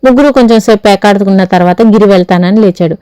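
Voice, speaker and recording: A woman narrating an audiobook at a steady, even pace. Her voice is mellow and soft-edged. The sound is close and dry, with no room around it. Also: medium pitch, fast talker, clear, resonant tone, no echo. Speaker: storyteller.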